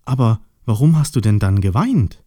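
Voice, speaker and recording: A man's voice: on the low side, lively intonation, normal speed, warm tone, no room sound, clean studio sound. A man voicing a small, shy, colorful piglet in a storybook, with a timid, childlike and wistful manner. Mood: excited. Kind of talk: storybook voice acting.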